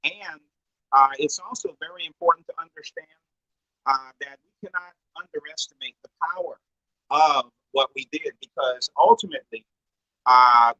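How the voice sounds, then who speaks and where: A man's voice: fairly high pitch, pushed and bright, dry recording, highs cut off. Man on a call that keeps breaking up. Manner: preachy, asks the listeners rhetorical questions. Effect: voice cutting in and out over a weak online connection. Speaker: guest speaker explaining finance. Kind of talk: teaching talk.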